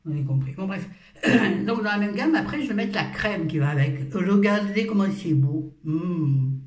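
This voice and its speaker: A woman's voice: medium pitch, lively intonation, moderate pace, a little mellow. A playful, self-mocking woman in her fifties talks casually through her morning skincare routine at home. She sits well back from the mic, and her voice rings around a roomy, echoing space. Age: 50s. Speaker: beauty vlogger. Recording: roomy echo, far from the mic.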